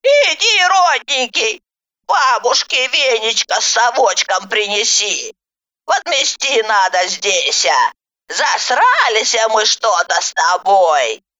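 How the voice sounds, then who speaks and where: A woman's voice: on the high side, big pitch swings, slow pace, pushed and bright, highs cut off, voice pushed up, heavily acted. Woman playing a sly folksy old granny. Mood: cooing. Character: sharp-tongued scheming old grandmother.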